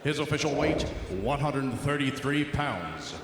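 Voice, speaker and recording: A man working as a boxing ring announcer, making formal arena introductions with deliberate, projected delivery and drawn-out names. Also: medium pitch, expressive. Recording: echoey arena PA, long reverb, faint noise.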